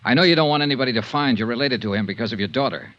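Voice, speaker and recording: Racing along in a medium-pitched, fairly bright voice close to his everyday one, the American lead narrates and acts as a frank, world-weary insurance investigator. It's a pressing 1950s radio detective drama with a dull, band-limited sound.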